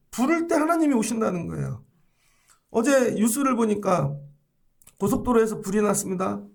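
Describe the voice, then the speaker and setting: A man's voice: sits high, gravelly. A middle-aged male pastor preaching a sermon, often asking the congregation questions.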